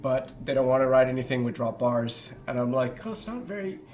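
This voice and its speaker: A man's voice: medium pitch, lively intonation, fairly quick, a little mellow, faint music behind. Man with a Northumberland accent, chatting casually. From Northumberland, England. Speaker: bike hire centre worker being interviewed. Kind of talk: casual interview chat.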